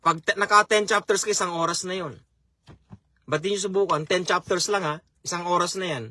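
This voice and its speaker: Bright high-voiced male preacher. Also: steady tone, brisk, dry recording. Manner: repeats key phrases for emphasis. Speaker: chaplain and preacher. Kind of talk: sermon.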